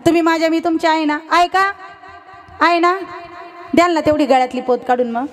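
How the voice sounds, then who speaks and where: A young woman kirtan preacher, giving a loud, animated devotional sermon before a live audience, teasing and telling stories. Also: very high-pitched, brisk. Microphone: sound system microphone.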